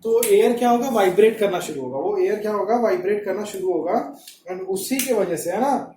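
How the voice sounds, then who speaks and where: A man's voice: high-pitched, warm tone, slight background noise. A male teacher giving a classroom lecture, repeating key points and checking understanding with rhetorical questions. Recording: echoey room.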